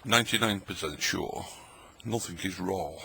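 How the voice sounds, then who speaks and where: Gravelly low-voiced man vlogging. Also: moderate pace, sharp tone, slight background noise. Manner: chatty, rambling, jokey, talks while eating. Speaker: vlogger tasting old tinned food. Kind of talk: casual late-night vlog talk. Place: at home at a table, late at night.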